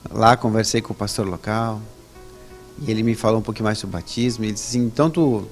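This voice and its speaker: A man's voice: fast talker, faint music behind. A man, a guest telling his personal religious testimony in a conversational way, often ending sentences with a questioning tag. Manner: lively storytelling with rising pitch on emphasis. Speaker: interview guest.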